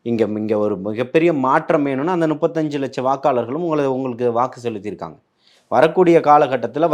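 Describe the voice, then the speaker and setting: Combative man firing rhetorical questions. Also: mid-range voice. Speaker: political party spokesman. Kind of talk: heated political interview.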